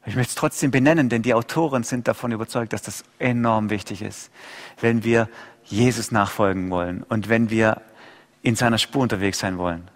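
A male pastor preaching an impassioned sermon, swinging between loud outcries and hushed low asides. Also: fairly even intonation, moderate pace. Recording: long hall reverb.

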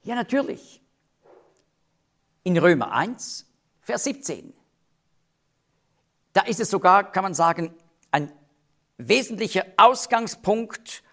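A man teaching on Bible verses, explaining slowly and deliberately and stressing key words. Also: high-pitched, fairly bright tone.

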